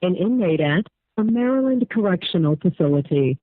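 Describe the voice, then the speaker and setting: A woman's recorded voice giving the automated announcement of a prison phone call in an even, formal manner. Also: on the low side, moderate pace, dry recording. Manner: even, formal prompt reading. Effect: on a prison phone line. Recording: tinny phone line, faint music.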